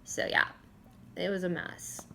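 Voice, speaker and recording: A woman's voice: measured pace, a bit bright, whispered. A woman from the United States giving an informal personal account, questioning and aggrieved. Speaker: narrator recounting own police case. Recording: clearly noisy home-style recording.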